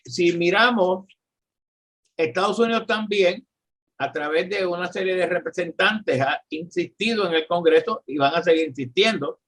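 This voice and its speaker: A man in his seventies with a Puerto Rican accent, talking earnestly in a political discussion and often pausing to find his words. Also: on the high side, a bit bright, husky. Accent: Puerto Rican Spanish. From Puerto Rico. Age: 70s. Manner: earnest, searching for words, repeats himself. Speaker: guest commentator.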